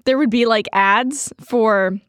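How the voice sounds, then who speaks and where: A woman's voice: on the high side, takes it slowly, smooth, no echo, clean studio sound. A young adult woman co-hosting a podcast in casual chat, rambling with lots of fillers and laughing often. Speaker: podcast co-host.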